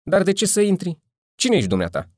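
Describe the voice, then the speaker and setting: A man voicing an irritated, hoarse neighbor woken in the night. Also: high voice, wildly swooping pitch, a little mellow, dry recording, clean studio sound, pitched above the performer's own voice, heavily acted.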